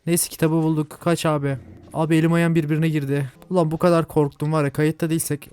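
A young man with a Turkish accent giving chatty, jumpy commentary while playing a horror game, yelling at scares. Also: a little high, little pitch movement, fast talker, clear, resonant tone. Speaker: gaming channel host.

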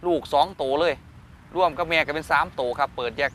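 A man with a northeastern Thai Isan accent doing a hyped live-seller pitch to viewers, often prompting them for agreement, recorded outdoors over noise. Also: quick pace, a bit bright. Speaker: host of cattle-sale videos.

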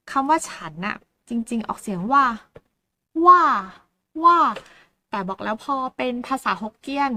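Woman host, Phuket accent, high-pitched, dry close mic, patient teacher who repeats words slowly. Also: bright, forceful tone, no echo. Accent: Southern Thai, Phuket. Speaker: language teacher and channel host. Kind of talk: language lesson.

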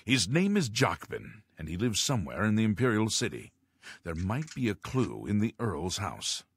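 An actor voicing a mysterious master thief who leads a guild, speaking in measured video game dialogue. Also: male voice, on the low side, huge pitch swings, slightly rough, heavily acted. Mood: secretive.

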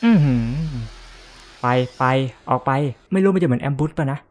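A man's voice: fairly high pitch, quick pace. A man giving casual let's-play commentary as a gaming YouTuber, joking around, swearing often and yelping in panic at scares.

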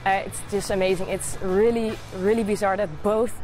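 A young woman with a Dutch accent speaks English at an even, middle pitch. She talks in a relaxed way with small "uh" pauses. Light music sits under her voice. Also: poor audio. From Netherlands. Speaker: college field hockey player. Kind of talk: casual interview.

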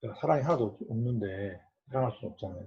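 In a dull lo-fi recording, a man in his forties with a mid-range voice leads a casual Bible study. He talks in an animated, rapid-fire way, putting questions to the group and acting out quoted parents and children.

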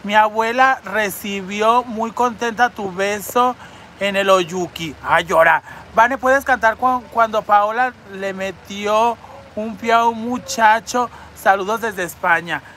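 Speaking into her phone on a city street, a woman with a Mexican Spanish accent hosts a crude live stream, reading viewer comments aloud and firing back in a brassy, campy, foul-mouthed style. Her mid-range voice is slow and fairly bright, with a little hiss or hum behind it.

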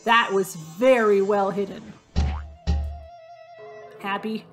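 In this casual gameplay commentary, a woman hunts through a hidden-object game at a slow pace and steady tone, listing what she finds and poking fun at herself. Her middle-pitched voice has a faintly hoarse, tired, fading quality, with quiet game music in the background.

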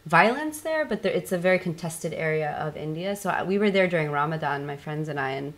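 A woman's voice: deep voice, animated, fairly quick. A woman in her thirties, a guest author chatting casually in an interview, talking in a loose, filler-heavy way and laughing often.

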